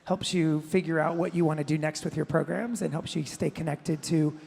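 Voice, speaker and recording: A woman interviewer asking measured, prepared questions on stage in front of a live audience. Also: low-pitched, steady tone, gravelly, a little mellow, husky. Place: large hall before a live audience. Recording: long hall reverb.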